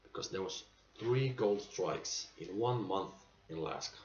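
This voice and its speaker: A man playing an aging, nostalgic salesman in a dramatic stage monologue, earnest and halting, with emphatic bursts. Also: fairly low pitch, animated. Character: aging male salesman, nostalgic, pleading, weary pride. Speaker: actor performing a monologue. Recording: muffled amateur recording with clear background noise.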